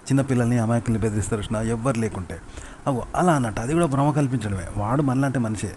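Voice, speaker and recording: A man's voice: mid-range voice, rapid-fire, a little mellow, slight background noise. A man with a Telangana accent gives an informal spoken lesson on writing, repeating himself and asking the listener rhetorical questions. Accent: Telangana Telugu. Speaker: writing teacher.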